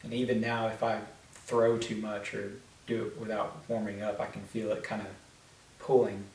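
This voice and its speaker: A young man co-hosting a vlog, chatting casually in a halting way with many restarts. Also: lowish voice, flat delivery, darkish tone, slight background noise. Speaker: vlog co-host. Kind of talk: casual chat. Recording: echoey room, mic at a distance.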